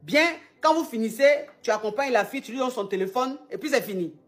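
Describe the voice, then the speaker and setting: A woman's voice: a little high, brisk, faint music behind. A woman hosting an advice show, talking casually and teasingly with a caller and repeating her phrases. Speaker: advice show host, relationship coach.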